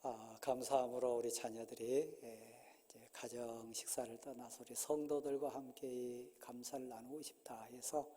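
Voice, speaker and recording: A man pastoring a congregation speaks in a husky, warm-toned voice, giving announcements between frequent halting pauses. His words carry a long reverb from the church sanctuary around him. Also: mid-range voice, little pitch movement. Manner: halting, many drawn-out "ah" pauses.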